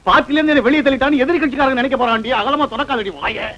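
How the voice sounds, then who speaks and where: An actor voicing a flustered, henpecked politician who protests to his wife in a dubbed film. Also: extremely high pitch. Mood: protesting. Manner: hurried, protesting. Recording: dull lo-fi film audio.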